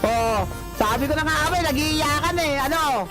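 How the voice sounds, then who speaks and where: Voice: sits high, normal speed. A livestreamer ranting at the chat in a taunting, teasing way, repeating the same jabs again and again. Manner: mocking, repetitive, teasing catchphrases. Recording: loud background music over voice. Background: loud music.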